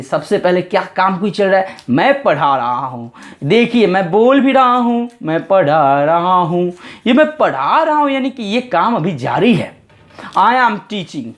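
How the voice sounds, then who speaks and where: A man teaching English grammar as a classroom lesson, patiently spelling words out letter by letter and repeating phrases. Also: sits high. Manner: patient, explains slowly and step by step.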